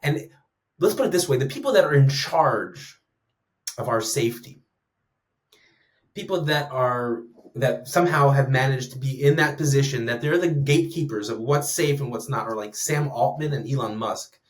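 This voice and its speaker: A man in his thirties talking in an animated, rambling way, with many "like"s and restarts, in a casual podcast chat. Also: medium pitch, moderate pace. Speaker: guest speaker on conversation design.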